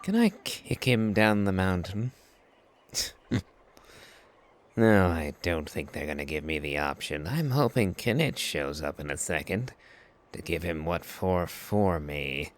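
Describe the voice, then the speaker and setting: A man's voice: low voice, animated, takes it slowly. A man giving casual gameplay commentary with dry, sarcastic remarks. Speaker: gameplay streamer. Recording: game music under the voice.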